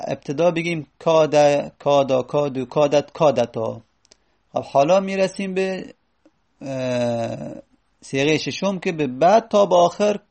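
A man gives a grammar lesson in a slightly high, gravelly voice. He walks through each rule one step at a time, stretching out and repeating the forms he explains. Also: a little mellow. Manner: explains step by step, repeating words slowly and drawn out. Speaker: teacher of Arabic grammar. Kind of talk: classroom lesson.

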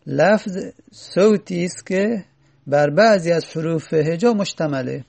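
A man's voice: on the high side, creaky, a little mellow. A man teaching Arabic grammar, reading lines from an Arabic text and then explaining them step by step.

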